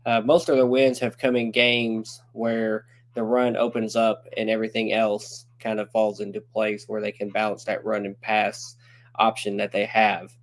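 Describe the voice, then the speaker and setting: A man co-hosting a sports podcast, talking in a steady, organized way as he leads the segments. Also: on the low side. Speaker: podcast co-host. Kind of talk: casual sports talk.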